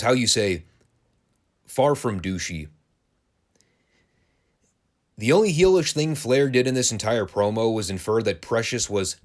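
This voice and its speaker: A man hosting a wrestling podcast, giving a casual, sarcastic and crude play-by-play review of an old broadcast. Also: on the low side. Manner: sarcastic, crude, dry humor.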